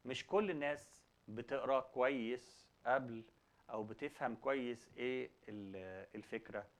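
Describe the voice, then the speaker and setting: A man with an Egyptian Arabic accent, a native Arabic speaker hosting a talk show, mixing Arabic and English and often restarting words. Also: medium pitch. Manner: halting, repeats word beginnings.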